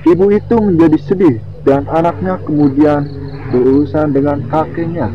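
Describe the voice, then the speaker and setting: This video host is a man with a slightly high voice and a lisp that slurs his r sounds. He reads horror stories casually and haltingly, tossing in his own comments on the story. The recording is muffled and lo-fi, with noticeable noise that sounds like insects.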